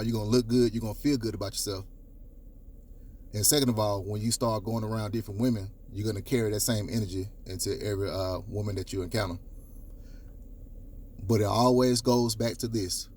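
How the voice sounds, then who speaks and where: A young man with a deep baritone voice, giving dating advice straight to camera in an emphatic, coaching way with casual swearing. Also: a little mellow. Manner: coaching, emphatic, repeats points, casual profanity. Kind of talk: direct-to-camera advice talk.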